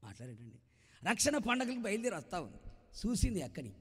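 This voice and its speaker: High-voiced pastor, fervent storytelling sermon. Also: male voice, quick pace, breathy edge. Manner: animated, rising to fervent shouting. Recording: echoey live hall reverb.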